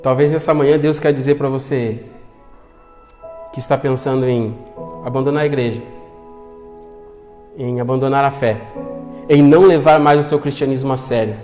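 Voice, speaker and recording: A man's voice: mid-range voice, fairly even intonation, normal speed, long pauses. A young man preaching a sermon, telling a personal story and acting out the voices of the people in it, then making earnest appeals to the listeners. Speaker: pastor. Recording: long hall reverb with soft music.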